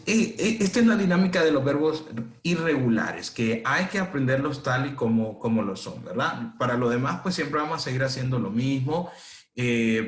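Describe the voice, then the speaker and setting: A man teaching English to students in a recorded lesson, switching between Spanish and English and modeling each word slowly. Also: mid-range voice, a bit bright, roomy sound.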